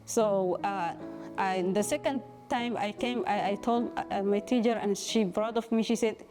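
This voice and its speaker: A woman from Somalia, a former student giving a halting personal testimonial. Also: medium pitch, music in the background. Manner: halting, simple phrasing, many fillers.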